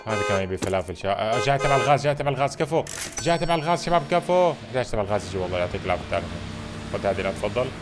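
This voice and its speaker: Rapid-fire excitable gamer man. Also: on the low side. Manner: excitable, chatty, keeps addressing viewers. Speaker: gaming channel host. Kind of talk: let's-play commentary. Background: game background music.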